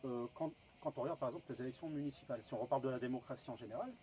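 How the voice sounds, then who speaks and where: Hesitant French interviewer with background noise. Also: male voice, medium pitch, very fast. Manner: hesitant, many fillers and false starts. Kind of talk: interview questions, conversational.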